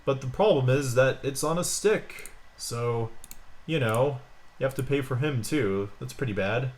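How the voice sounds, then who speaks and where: A man giving casual, excitable commentary while opening card packs, with jokey asides. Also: medium pitch, a little slow, slight background noise. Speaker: pack-opening streamer.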